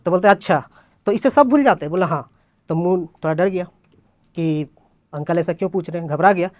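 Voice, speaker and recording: A man's voice: high-pitched, brisk, no echo. A young man at an open mic stage, telling a comic story and acting out his friends' voices as he goes. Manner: acts out friends' voices in a lively retelling. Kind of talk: stand-up storytelling.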